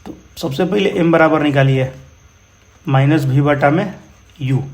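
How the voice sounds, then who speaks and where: A man's voice: fairly high pitch, a little slow. A man with a Bihari accent teaching physics numericals in a casual, encouraging way, often calling his students brother. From India. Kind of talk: explaining exam problems.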